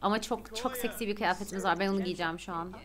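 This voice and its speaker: A young woman streaming a life-sim game, chatting excitedly and gushing to her viewers. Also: medium pitch, rapid-fire, over music. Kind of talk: casual gameplay commentary.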